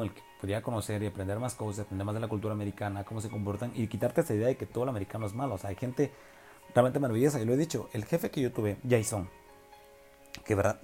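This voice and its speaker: A young man from Oaxaca with a Mexican Spanish accent, telling a personal story in a casual, slangy way with many fillers and tag questions. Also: fairly low pitch.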